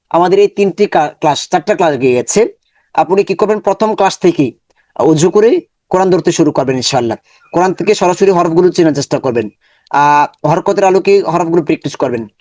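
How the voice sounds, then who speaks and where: A man's voice: a little high, darkish tone, no echo. Man teacher drilling syllables over and over. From Bangladesh. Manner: repeats syllables over and over for practice. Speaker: Quran reading teacher. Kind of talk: online lesson, drilling Arabic letter sounds.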